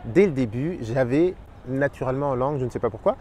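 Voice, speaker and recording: Standing by a pond in a park, a thirtysomething man who teaches Spanish and hosts a language channel talks fast at a medium pitch. He explains his tips to the camera energetically and expressively, using a lapel mic.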